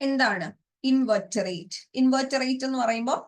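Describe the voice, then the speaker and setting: High-voiced Malayali woman teaching English. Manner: asks students questions, repeats and spells out words slowly. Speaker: exam prep teacher.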